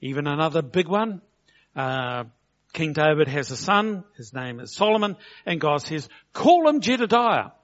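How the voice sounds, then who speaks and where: A man's voice: fairly high pitch, big pitch swings. New man preaching, lo-fi. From New Zealand. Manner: conversational, slows for emphasis, acts out quotes. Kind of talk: sermon. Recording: dull lo-fi recording.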